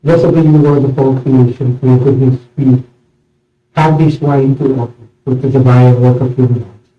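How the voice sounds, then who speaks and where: A man serving as priest, reciting a eucharistic prayer solemnly in measured, short phrases, in a large reverberant church. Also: medium pitch, steady tone, soft background music. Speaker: priest celebrating communion. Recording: echoey church, distant mic, muffled sound.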